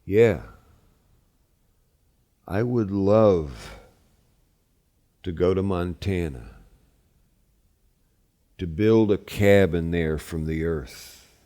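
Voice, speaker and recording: A man who teaches wilderness classes recounting a personal spiritual experience, slow and emphatic, rising to loud peaks then sinking low. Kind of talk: spoken personal recollection.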